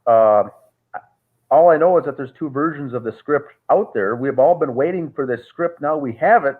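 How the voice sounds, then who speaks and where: On a call, a male interview guest with a medium-pitched voice speaks at a normal speed. He rambles through a long story full of "uh" fillers and restarts. The call audio sounds tinny, like a phone.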